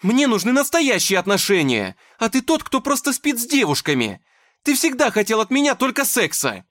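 A man voicing a heartbroken, furious young woman who shouts in a shrill, high voice. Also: wildly swooping pitch, normal speed, no room sound, studio quality, exaggerated voice. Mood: furious shouting.

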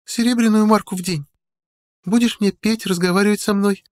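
A man reading an audiobook, voicing a spoiled, pushy young rich girl in a high girlish falsetto with a pouting, wheedling manner. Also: fairly even intonation, fairly quick, lightly acted. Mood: coaxing. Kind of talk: audiobook character voice.

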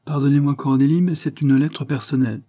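Un homme jouant un jeune avoué calme et ferme. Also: male voice, medium pitch, fairly quick, pitched above the performer's own voice, close to an everyday voice. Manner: firm, evasive, good-humoured. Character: calm self-possessed young male lawyer.

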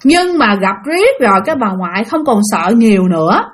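A woman's voice: on the high side, sing-song, a little fast. A young woman, chatting through ghost stories and talking straight to her listeners. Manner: chatty, addresses listeners directly. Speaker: storyteller.

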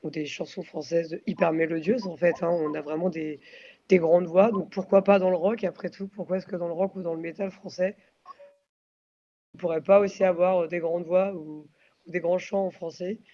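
A woman, a band's singer, answering interview questions thoughtfully and pausing often with fillers to find her words. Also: fairly low pitch, fairly even intonation, muffled recording. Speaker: singer of a post-metal band.

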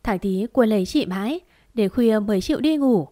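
A woman narrating a romance story in a calm, even storytelling manner. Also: medium pitch, moderate pace, no room sound, studio quality.

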